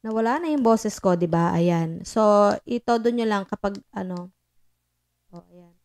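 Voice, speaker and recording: A woman's voice: mid-range voice, measured pace, darkish tone. A woman vlogger chatting casually while demoing a portable sound card into her microphone, mixing English in with many fillers. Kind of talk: casual tech demo chat.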